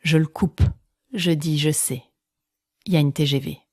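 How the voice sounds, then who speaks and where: A woman telling an intimate personal story in the first person, using dramatic pauses, sometimes dropping close to a whisper and acting out what others said. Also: low-pitched, fairly even intonation, mellow, husky, no echo.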